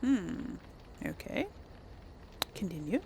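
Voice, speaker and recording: Hosting a relaxed game playthrough, this woman speaks in a lowish, sing-song voice that's slow and mellow, over a faint hiss or hum. She role-plays dialogue as she chats, thinking aloud in a hesitant way.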